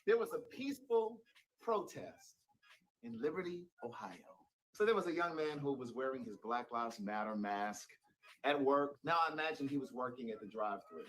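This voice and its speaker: A man on a panel tells a story in a casual, animated way. He builds it up dramatically. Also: mid-range voice, poor audio.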